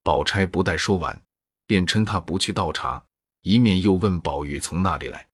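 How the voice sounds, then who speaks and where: A man reading a classic novel aloud as narrator, in a steady, even storytelling manner. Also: sits low, moderate pace, husky, no room sound, clean studio sound.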